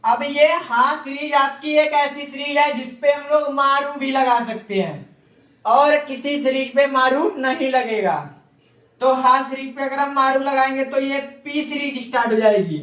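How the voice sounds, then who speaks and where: Slow-speaking man teaching, echoey room. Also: very high-pitched, fairly even intonation, fairly bright tone. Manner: repeats questions and has learners echo answers. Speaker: Japanese language teacher. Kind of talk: online class lesson. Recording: echoey room, mic far off.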